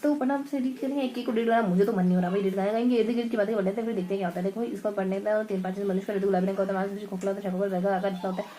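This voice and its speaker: A woman revising her notes aloud in a casual study session, thinking out loud and stumbling over half-remembered words. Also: mid-range voice, steady tone, very fast, hardly any pauses, low-quality recording.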